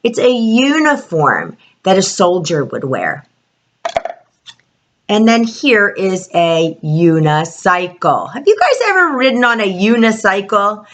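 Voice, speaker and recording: Slow singsong woman teaching young children. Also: mid-range voice, a bit bright. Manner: broad singsong children's-presenter delivery with prompting questions; addresses young children, stretching key words. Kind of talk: children's alphabet lesson.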